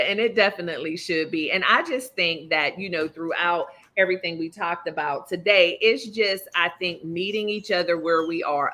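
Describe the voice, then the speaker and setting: A lively woman leads a casual relationship chat, speaking emphatically and laughing often. Her voice sits fairly low for a woman but comes across bright and forceful, with features. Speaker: podcast host.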